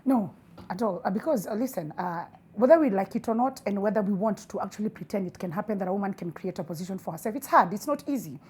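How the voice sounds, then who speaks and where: Kenyan female panelist, quick-fire and raspy, insistent, driving points home by repetition. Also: mid-range voice, animated, darkish tone. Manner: insistent, repeats phrases for emphasis. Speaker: debate panelist on a TV talk show. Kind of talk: heated conversational debate.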